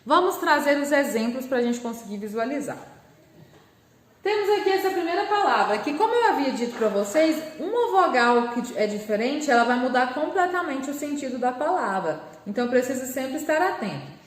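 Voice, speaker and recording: High-voiced Brazilian woman teaching children. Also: very animated, reverberant. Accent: Brazilian Portuguese. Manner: patient, slow, spells words out syllable by syllable. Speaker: primary school teacher. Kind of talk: remote class lesson.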